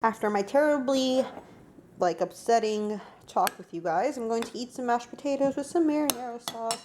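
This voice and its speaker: A woman's voice: fairly high pitch, normal speed, a little mellow, slight background noise. Rambling emotional woman vlogging. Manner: rambling and emotional, with many fillers. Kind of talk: casual vlog. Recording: echoey room.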